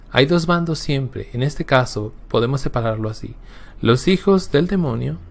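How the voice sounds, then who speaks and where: A man teaching a recorded Bible class as a catechist, emphatic, repeating words for stress and checking in with his listeners. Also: mid-range voice.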